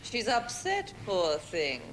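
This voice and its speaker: Glossy, arch wife, very slow lilting drawl; faint music. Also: female voice, medium pitch, wildly swooping pitch, a little hiss or hum, low-quality recording. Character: glossy, cool actress wife.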